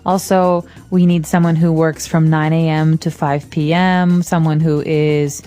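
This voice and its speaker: A woman's voice: sits low, little pitch movement, unhurried, warm tone, faint music behind. A woman co-hosting an English lesson podcast, explaining words with many everyday examples. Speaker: co-host.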